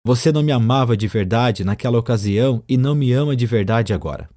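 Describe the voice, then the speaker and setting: A man's voice: mid-range voice, fast, dark tone, natural voice. A man voicing a frustrated, reproachful wife. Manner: reproachful, demanding. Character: impatient, frustrated wife of a knight.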